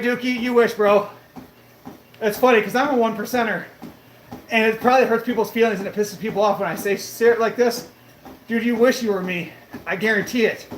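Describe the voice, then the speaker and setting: A fitness livestreamer in his late thirties jogs on a gym treadmill, reading comments and chatting casually, a bit out of breath. He's brash and boastful and swears casually, his voice sitting high with a fairly bright tone. The gym room sounds echoey, with faint noise.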